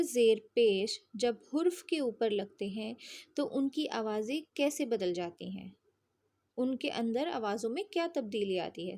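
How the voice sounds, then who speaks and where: Slow, high-voiced woman teaching children. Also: a little mellow. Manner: patient, drawn-out spelling drills with frequent check-ins.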